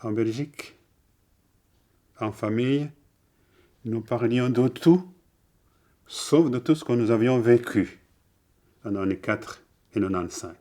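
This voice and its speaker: An older man from Rwanda giving a measured, deliberate testimony in an interview. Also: mid-range voice, warm tone.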